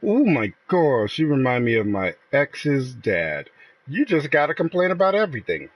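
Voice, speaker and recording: A man's voice: mid-range voice, very animated, moderate pace, dry recording. A man streaming a game who argues with a friend in casual banter, mocking him and swearing freely. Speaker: gaming streamer.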